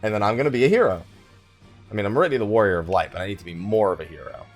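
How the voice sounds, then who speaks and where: Over faint background music, a man with a lowish voice races through his let's play commentary. He chats loosely and jokingly about the game, feigning exasperation and poking fun at himself.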